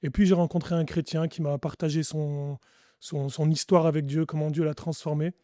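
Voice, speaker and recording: A French man, a pastor, speaks in an earnest and reflective way, often restarting his sentences. His voice sits fairly high but sounds dark and mellow. The recording is dry and close, with no room sound. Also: flat delivery, moderate pace, no room sound. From France. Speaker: pastor, podcast guest. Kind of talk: testimony interview.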